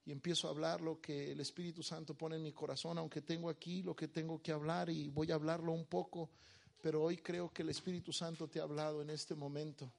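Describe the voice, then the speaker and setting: A man preaching a sermon to a congregation, moving between quiet, intimate speech and loud emphatic declarations as he leads call-and-response. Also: on the high side, little pitch movement, a little fast, creaky.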